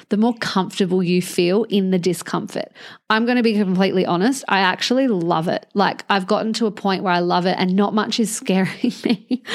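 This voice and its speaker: A woman speaks to her listeners like a coach. Her talk is earnest and frank, and a curse word slips in now and then. Her voice sits at an everyday middle pitch for a woman. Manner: earnest, candid, swears casually. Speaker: mindset coach. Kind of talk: motivational podcast monologue.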